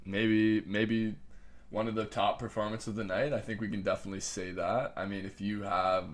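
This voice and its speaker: A man from Canada co-hosting a podcast, chatting casually and analytically about fight results, often trailing off softly. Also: on the low side, little pitch movement, moderate pace. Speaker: podcast co-host. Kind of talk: casual sports chat.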